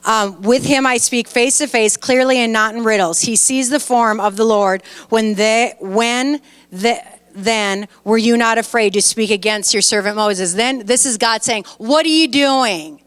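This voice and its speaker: A woman pastor preaching a lively sermon, retelling scripture with animated storytelling and reading aloud while chatting with her listeners. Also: fairly high pitch, unhurried, smooth, in a large hall. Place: church sanctuary.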